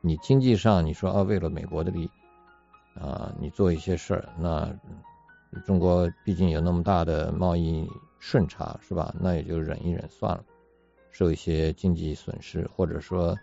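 A man talking in a casual political discussion, measured and deliberate, often asking rhetorical questions. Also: low-pitched, fairly even intonation, creaky, dark tone. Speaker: commentator. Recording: dull lo-fi audio with faint music.

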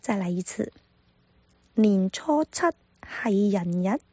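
A woman teaching pronunciation in a careful manner, repeating each sound slowly for practice. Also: mid-range voice, expressive, warm tone, husky, no echo, highs cut off. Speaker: language teacher. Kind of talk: pronunciation lesson.

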